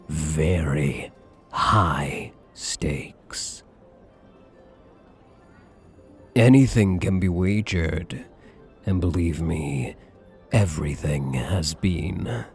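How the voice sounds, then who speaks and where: In an intimate ASMR roleplay, a man plays a suave, possessive gambler, flirtatious and quietly menacing, drawling teasing pet names in a breathy voice. His voice sits low, animated and slow, heavily acted over soft background music, with a smooth, welcoming mood.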